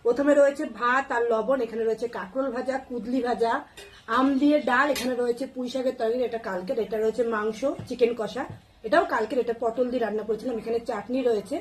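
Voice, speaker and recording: Woman vlogger, rapid chatty delivery, slightly high, throat sore and scratchy. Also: steady tone. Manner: chatty, lists dishes one by one, self-correcting. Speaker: food vlogger. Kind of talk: casual chat to viewers. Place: home at a lunch table.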